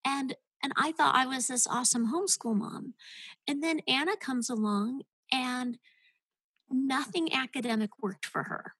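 A woman's voice: high-pitched, unhurried, a bit bright, husky, dry recording, low-quality recording. A woman guest on a podcast, telling her story as a homeschooling mother in an earnest, heartfelt way. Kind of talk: casual podcast interview.

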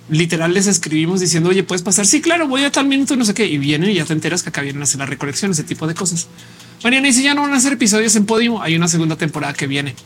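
A man's voice: high voice, a bit bright. A man with a Mexican Spanish accent hosting a casual live show, thinking aloud in a conversational way and reading viewer comments.

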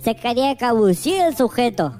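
A woman's voice: on the high side, very animated, fairly quick, warm tone, soft background music. A woman voicing Amiguito, a naive, chatty man with an Argentine accent who mangles words in a radio comedy sketch. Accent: Argentine Rioplatense. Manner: rambling, mangles words, says vieja and amiguito.

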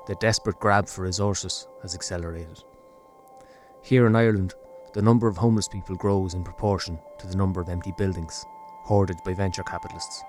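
A man narrating a scripted documentary podcast in a measured, serious way. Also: sits low, fairly even intonation, darkish tone. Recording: music behind the narration. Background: music.

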